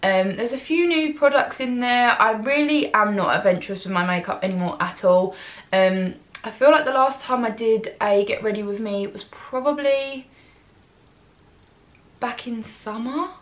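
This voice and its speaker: A woman's voice: mid-range voice, moderate pace. A young woman chatting through her makeup routine in a rambling vlog, full of ums and likes, recorded at home on a camera mic. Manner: rambling, filler-heavy, many ums and likes. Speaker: beauty vlogger. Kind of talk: chatty get-ready-with-me vlog. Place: at home, in front of a mirror.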